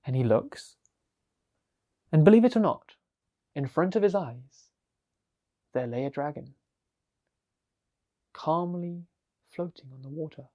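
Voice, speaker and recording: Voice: mid-range voice, lively intonation, slow, pauses often, warm tone. A storyteller narrating a fantasy tale in a chatty way, with frequent asides to the listener.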